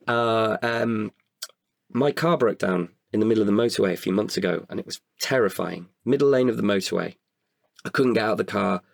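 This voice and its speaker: Speaking at a moderate pace, a British performer with a low, husky voice is a guest on a podcast, giving a reflective interview. Candid and thoughtful, he hesitantly works his way through each answer, and the sound is close and dry with no echo.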